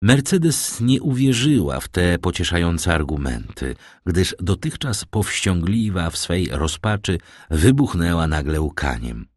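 Deep-voiced male audiobook narrator. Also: no echo, studio quality. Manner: measured, expressive reading. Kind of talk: scripted narration of a classic novel.

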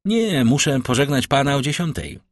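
A man's voice: mid-range voice, expressive, moderate pace, dry recording, voice pushed up, close to an everyday voice. A man reading the part of an earnest, lovestruck young army captain. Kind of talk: audiobook character reading.

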